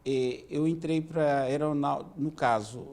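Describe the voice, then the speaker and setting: A man, a police chief answering interview questions in a measured, explanatory way, often adding "né". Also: on the high side, steady tone, a little mellow. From Minas Gerais, Brazil. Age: 50s. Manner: measured, explanatory, with many "né" tags.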